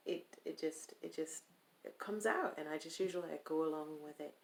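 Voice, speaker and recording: A vlogger from Stockton, California, chats casually on video in a deliberately put-on accent, rambling and hesitant with many pauses. Her voice is low-pitched and creaky.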